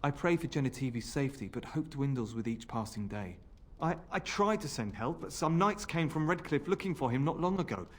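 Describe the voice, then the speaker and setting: A man's voice: medium pitch, lively intonation, brisk, hardly any pauses, lightly acted. Earnest, worried scholar's assistant, played by a man. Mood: anxious, discouraging. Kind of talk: video game character dialogue.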